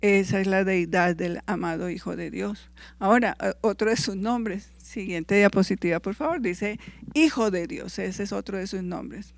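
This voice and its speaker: A Bible teacher with a medium-pitched voice and vocal fry leads a class at a moderate pace, with no echo. They read scripture aloud, correct their own misstated verse references, and check in with listeners using short tag questions.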